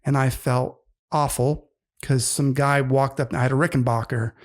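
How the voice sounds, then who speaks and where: A man in his fifties co-hosts a casual podcast, rambling enthusiastically about music and using plenty of fillers. His mid-range voice is steady and moves at a normal speed.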